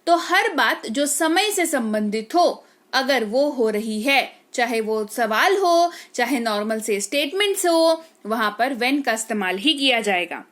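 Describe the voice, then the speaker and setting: A woman's voice: on the high side, lively intonation, measured pace, a bit bright. A woman teaching a language lesson, spelling words out letter by letter and often checking "okay?" with her students. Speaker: English teacher.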